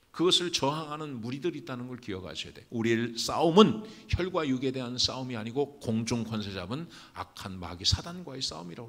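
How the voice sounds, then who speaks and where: A man's voice: medium pitch, a bit bright. A man preaching a sermon as senior pastor, speaking emphatically and dramatically and addressing the congregation directly.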